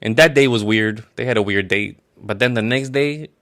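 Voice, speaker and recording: A man casually retelling a story in a rambling, profane, deadpan way, as a comedy bit. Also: fairly low pitch, moderate pace.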